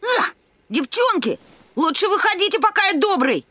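A woman's voice: extremely high pitch, sing-song, moderate pace, very noisy. A woman playing a blustering cowardly little boy. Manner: blustery, shouting bravado. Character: boastful, cowardly young boy who claims no fear.

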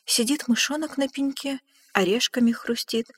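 A woman narrating a rhymed children's story with an even, rhythmic delivery. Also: a little high, moderate pace, clean studio sound. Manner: even, rhythmic verse reading. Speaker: storybook reader. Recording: long hall reverb.

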